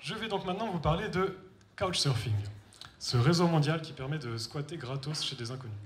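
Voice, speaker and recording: This young adult man from France has a voice on the high side with lively intonation and a slightly quick pace. Addressing the crowd directly, he shares a comic personal tale with wry self-mockery, recorded in an echoey hall with faint noise.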